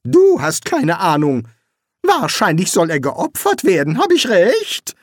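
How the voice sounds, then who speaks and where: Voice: high voice, sing-song, unhurried, no echo, clean studio sound, voice pushed up, full character voice. A reader voicing a nervous, cowardly male wizard in an audiobook, hesitant and flustered. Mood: sharp. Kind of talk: audiobook character voice.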